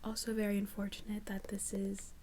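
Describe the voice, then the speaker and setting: A young woman in a whispered role-play as a librarian, speaking in a soft, halting whisper. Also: mid-range voice, monotone, a little hiss or hum. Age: young adult. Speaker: ASMR creator playing a librarian.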